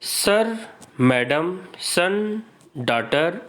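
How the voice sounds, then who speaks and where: Speaking very slowly in a high-pitched, very animated, slightly bright voice, a man with an Indian accent reads word pairs aloud for an exam-prep grammar lesson. He has his students repeat them back as a drill.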